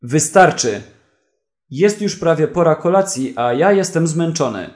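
A man's voice: a little high, expressive, measured pace, darkish tone, reverberant. A man voicing a tired, impatient male judge who gives curt commands in a read-aloud story. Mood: weary.

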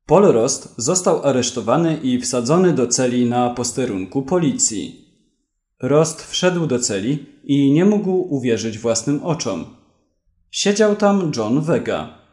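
Slow, deliberate male lesson reader. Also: mid-range voice, very animated, a little mellow. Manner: plain, deliberate word-by-word reading. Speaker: narrator and vocabulary reader. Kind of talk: slow language-lesson reading. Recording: roomy echo.

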